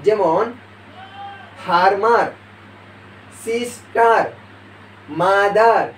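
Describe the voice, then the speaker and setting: Man, high voice, patient video teacher; recorded far off in an echoey room. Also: steady tone, a bit bright. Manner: addresses viewers as dear viewers and friends; slow, deliberate explanation with pauses. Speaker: English teacher. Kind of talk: video lesson. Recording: echoey room, far from the mic, faint noise.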